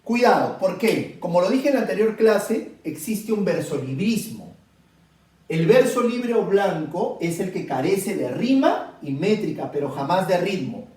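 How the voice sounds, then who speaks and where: Male teacher, high voice, recorded from a distance in a very echoey room, who explains slowly and keeps asking "right?". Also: sing-song, mellow. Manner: explains slowly with repeated checks like "¿bien?". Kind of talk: classroom lecture on poetry.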